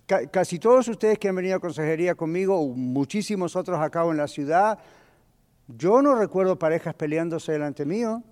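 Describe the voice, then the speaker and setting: A man's voice: fairly high pitch, animated, brisk, a little mellow. A male pastor teaching a Bible lesson in a conversational way, putting questions to his congregation. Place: church hall. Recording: long church hall reverb.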